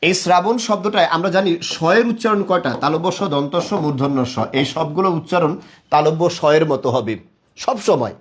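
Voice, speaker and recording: A man's voice: a little high, lively intonation, a little fast. A young man teaching a live online class, quizzing viewers and praising them again and again. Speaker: online tutor.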